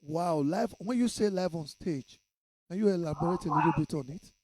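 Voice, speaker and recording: A man's voice: a little high, moderate pace, a little mellow, dry recording, poor audio. A man with a Nigerian accent hosting a radio interview, asking probing questions in a playful way with touches of pidgin. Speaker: radio host.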